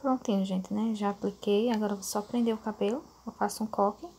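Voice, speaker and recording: Faint music plays behind a warm, gravelly, medium-pitched voice with a breathy edge, steady in tone and quick in pace. The speaker, a Brazilian beauty vlogger in her thirties, chats casually from a small bedroom at home about her hair care, addressing viewers as "gente," using many "né" fillers, and seeking agreement.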